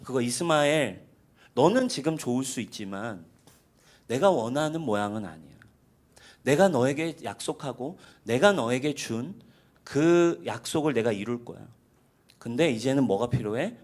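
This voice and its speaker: A male pastor voicing God as a gentle, loving figure who speaks in a soft, hushed, tender way. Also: medium pitch, animated, normal speed, pitched below the performer's own voice, natural voice. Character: gentle loving God calling a man to walk along.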